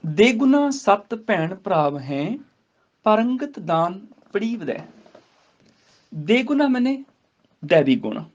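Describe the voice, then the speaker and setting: Man, high-pitched, religious grammar class teacher, muffled lo-fi sound, recites then explains. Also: darkish tone. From India. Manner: recites verses slowly, then explains word by word. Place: gurdwara class. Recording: dull lo-fi recording.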